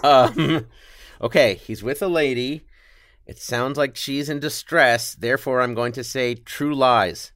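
A man's voice: medium pitch, unhurried, a bit bright, dry recording, clean studio sound. A man hosting a podcast game show, bantering casually and making jokey guesses.

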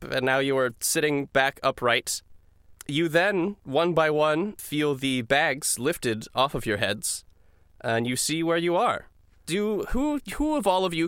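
A man's voice: fairly high pitch, fairly bright tone, clean tone, dry recording, clean studio sound. A man narrating a tabletop game as game master in a casual, chatty way.

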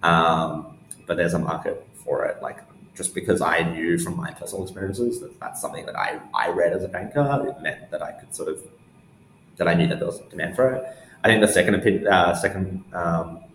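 Deep-voiced but fairly bright in tone, a young man who founded a newsletter gives casual, halting interview answers, working through his thoughts out loud. There's roomy echo and a faint hum of background noise.

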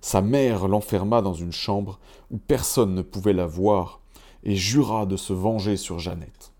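Man, fairy tale reader, low voice, warm mellow tone, measured. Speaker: storyteller.

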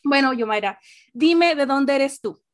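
A woman with a high voice hosts a relaxed podcast conversation. She talks in a chatty, animated way, laughs easily and slips English words in among the rest. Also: unhurried. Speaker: podcast host. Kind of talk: casual conversational interview.

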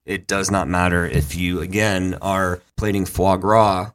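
A man's voice: low voice, fairly even intonation, a little slow. A man co-hosting a podcast in casual chat, joking and swearing, often stumbling over repeated words as he starts a thought. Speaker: podcast co-host.

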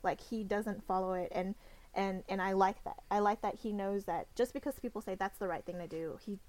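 A woman's voice: mid-range voice, fairly even intonation, a little fast, a little mellow. A young woman talking casually and enthusiastically about favorite characters, full of fillers and restarts. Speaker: podcast co-host discussing novels. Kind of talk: casual fan discussion.

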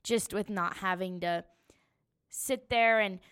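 Young woman, hunter recounting her trip; smooth, clear voice, animated and chatty. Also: medium pitch, slow. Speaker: hunter telling her story. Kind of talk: casual storytelling.

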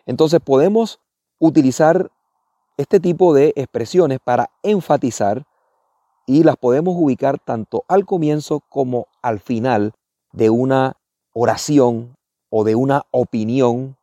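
A man's voice: mid-range voice, unhurried, mellow, no echo, studio quality. A man giving an informal spoken language lesson as a teacher, explaining didactically, repeating phrases and checking understanding with short tag questions. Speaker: Spanish teacher. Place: outdoors, walking in a forest.

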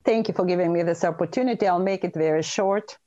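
A woman's voice: lowish voice, quick pace, mellow, lo-fi sound. A middle-aged woman from Bulgaria, speaking earnestly and emphatically as an interview guest. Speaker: guest, dentist and author. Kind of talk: interview storytelling.

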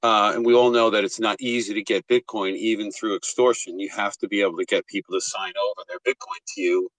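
A man with a tinny, thin sound and no bass, as if in a tin can, giving a measured, point-by-point opinion as a caller in a group chat. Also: fairly bright tone, dry recording. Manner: measured, deliberate, argues point by point. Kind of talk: casual opinion in a live discussion.

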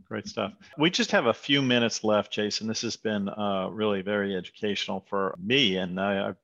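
A man's voice: lowish voice, moderate pace, creaky, fairly bright tone. A man hosting an interview, friendly and a little self-correcting as he asks questions. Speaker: interview host. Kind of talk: conversational interview. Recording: dull lo-fi audio.

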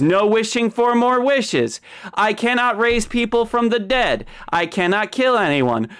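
A man's voice: sits high, a bit bright, smooth, pitched above the performer's own voice. A man voicing a bookish young female genie in training, flustered and eager, reciting like scripted customer service in a tabletop game.

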